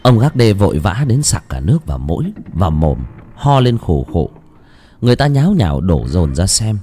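Low-voiced man telling a dramatic story. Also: big pitch swings, normal speed, dark tone, husky. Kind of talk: scripted horror story narration.

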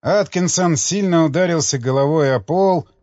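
A man narrating an audiobook in a lively, dramatic storytelling manner, in a slightly muffled dry recording. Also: on the high side, moderate pace, no echo.

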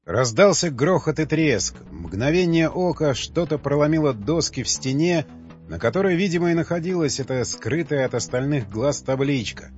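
A man reading an audiobook as the narrator, with steady, scripted delivery. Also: a little high, normal speed. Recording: dull lo-fi audio with faint music.

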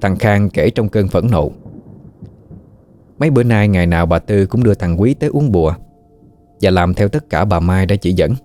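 Mellow male storyteller. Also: sits low, expressive, normal speed, pauses often. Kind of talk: ghost story narration.

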